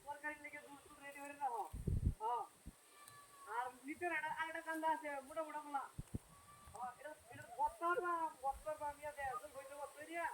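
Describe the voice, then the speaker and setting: A man's voice: very high-pitched, steady tone, fairly quick, noisy background. A man with a Sylheti Bengali accent, performing a comic skit as a bossy phone call. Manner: loud, bossy, talking on the phone.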